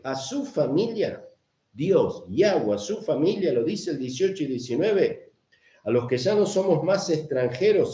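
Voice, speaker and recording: A man's voice: a little high, mellow. A man preaching a sermon, emphatic, repeating phrases and answering his own questions. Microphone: camera mic. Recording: echoey room.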